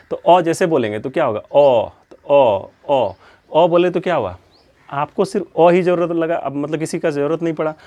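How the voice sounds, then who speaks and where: A man teaching a physics lesson in a lecture style, asking questions and answering them himself, repeating key terms as a drill. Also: fairly high pitch. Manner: steady, explanatory, drills terms.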